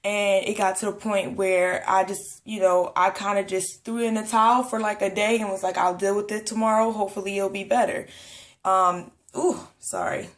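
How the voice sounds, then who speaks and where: A woman's voice: mid-range voice, steady tone, moderate pace. A young woman talking casually to her camera in a rambling pregnancy vlog, full of fillers and a little out of breath. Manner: chatty, rambling, many fillers. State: a bit out of breath. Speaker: vlogger. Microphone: camera at close range.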